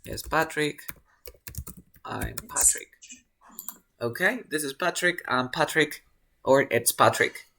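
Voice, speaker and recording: A man teaching an online English lesson to Spanish speakers, repeating phrases slowly and quizzing his students. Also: mid-range voice, huge pitch swings, creaky, pushed and bright, a little hiss or hum.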